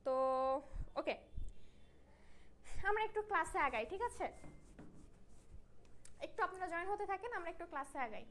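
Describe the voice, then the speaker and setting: A woman's voice: very high voice, lively intonation, normal speed, pauses often, a bit bright, a little hiss or hum. A young woman from Bangladesh teaching a Bangla class online, explaining patiently and checking in with her students. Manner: explanatory, checks in with tag questions.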